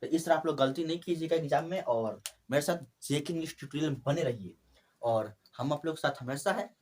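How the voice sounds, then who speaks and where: Guy teaching english grammar, kinda high voice, repeats stuff over and over. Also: a little fast, darkish tone. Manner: repetitive, addresses viewers as friends. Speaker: English tutor. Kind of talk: classroom grammar lesson.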